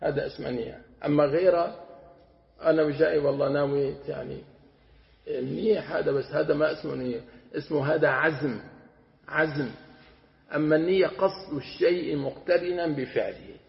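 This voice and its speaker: Levantine sheikh, gravelly voice, teaches by posing his own questions, recorded in a reverberant hall. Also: a little high, a little fast, long pauses. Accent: Levantine Arabic. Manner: digressive, asks and answers his own questions. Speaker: sheikh teaching Quranic exegesis. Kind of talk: colloquial religious lesson. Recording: echoey hall, dull lo-fi sound.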